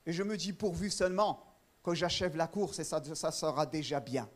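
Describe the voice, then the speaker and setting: Pastor, male, high-pitched, fervent and emphatic preaching with repeated phrases, church sermon. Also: normal speed.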